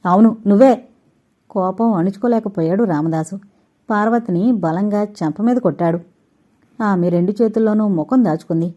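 A woman narrating an audio novel in a steady, measured reading. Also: mid-range voice.

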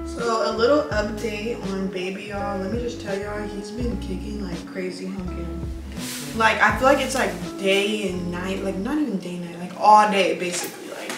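A woman's voice: mid-range voice, fairly even intonation, normal speed. A pregnant woman chatting casually as a vlogger, laughing often and talking to her viewers. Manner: chatty, laughs a lot, says "y'all" and "like". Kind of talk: casual vlog chat. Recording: echoey room, mic far off, music behind.

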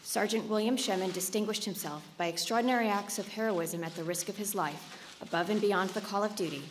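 A woman's voice: mid-range voice, a little fast. An American woman reading a formal scripted citation as a military officer, precise and official, at a lectern microphone in a large hall. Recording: background noise of a live hall.

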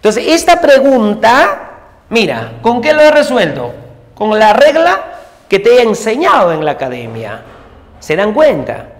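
A male teacher giving an exam-prep lesson, repeating each rule over and over and checking in with quick tag questions. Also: high voice, huge pitch swings. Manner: repetitive drilling with constant tag questions. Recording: long reverb room echo.

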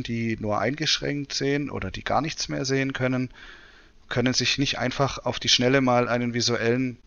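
A man presenting a software demonstration in tutorial narration. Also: mid-range voice, muffled recording. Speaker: presenter demonstrating screen reader.

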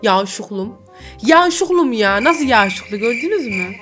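A woman's voice: fairly high pitch, sing-song, moderate pace, music in the background. A woman streamer giving casual, teasing commentary over a role-play game, often breaking into giggles. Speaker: gaming streamer.

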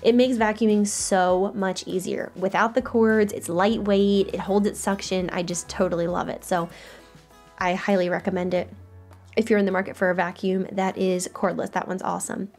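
A woman's voice: medium pitch, level tone, normal speed, a little mellow, soft background music. A young woman, chatting casually as a lifestyle vlogger, upbeat and full of fillers. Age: young adult. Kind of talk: casual voice-over narration. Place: bedroom at home, indoors. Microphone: handheld camera at arm's length.

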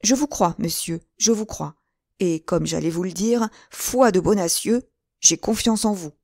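A woman's voice: medium pitch, measured pace, darkish tone, no echo, studio quality. Woman voicing an anxious middle-aged landlord. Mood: fussy. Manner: anxious, hesitant and fussy. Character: nervous middle-aged male shopkeeper landlord.

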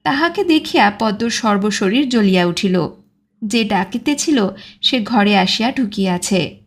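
A woman narrating a literary audiobook in a measured, expressive reading. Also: medium pitch.

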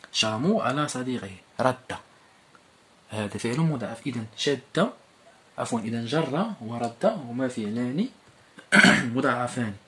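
A man with a Moroccan accent teaching a primary school Arabic lesson, explaining and repeating each word form slowly. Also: mid-range voice, fairly bright tone, slightly rough.

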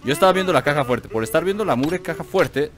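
A man's voice: fairly high pitch, expressive, quick pace, slight background noise. A man with a Mexican accent who chats and jokes to himself and his viewers while playing a video game. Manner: jokey, chatty, talks to himself and the viewers. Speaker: gaming video host. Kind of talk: let's play commentary.

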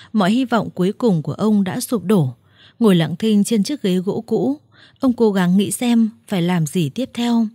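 Warm-voiced woman storyteller. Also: on the low side, no echo. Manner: steady, dramatic narrating. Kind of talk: scripted story narration.

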